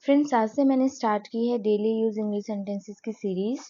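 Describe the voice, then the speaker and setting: A woman teaching spoken English, who explains patiently and says each example sentence slowly. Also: on the high side, warm tone, lo-fi sound.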